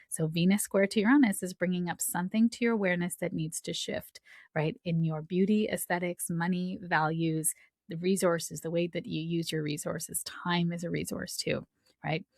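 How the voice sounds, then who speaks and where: A woman's voice: lowish voice, gravelly, darkish tone, dry recording, clean studio sound. A middle-aged woman giving a weekly astrology forecast in a chatty, reflective way, with personal asides. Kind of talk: casual spoken forecast.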